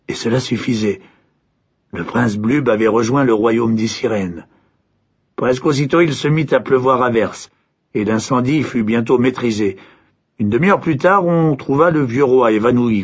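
A man narrating a fairy tale with expressive, dramatic pacing and a husky voice. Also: fairly low pitch, muffled recording. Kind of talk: storybook narration.

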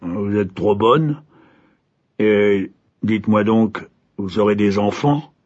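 A man voicing an old, grieving king, speaking low and hushed with a husky, wavering voice, in a storybook reading. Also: slow pace, dull audio. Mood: awkward, polite.

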